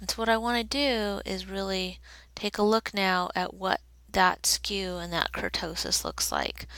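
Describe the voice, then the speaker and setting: A woman's voice: mid-range voice, animated, a bit bright, clear, resonant tone, dry recording, rough recording. A woman teaching a recorded statistics lesson, explaining step by step while she draws graphs. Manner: slow, deliberate explaining while drawing on a graph.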